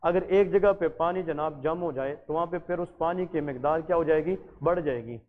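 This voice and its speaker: A man gives an exam-focused medical lecture in a fairly high voice, switching between English terms and Hindustani and firing questions at the class before answering them himself. The audio is thin and phone-like. A long reverb trails behind each phrase. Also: brisk. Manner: addresses listeners as janab.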